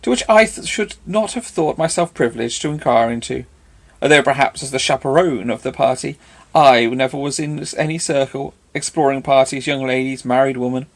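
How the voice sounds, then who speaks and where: A man's voice: sits high, huge pitch swings, slow pace, pauses often, a bit bright, husky, voice pushed up, exaggerated voice. A man voicing a self-important married woman in an audiobook, emphatic and huffy. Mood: affronted.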